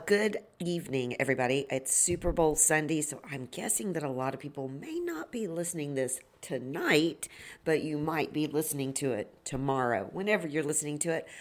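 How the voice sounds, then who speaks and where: Worn out from a full day of judging, this dance educator sounds hoarse, gravelly and slightly sniffly. She speaks low-pitched on her solo podcast, explaining ideas in a reflective, informal teaching style.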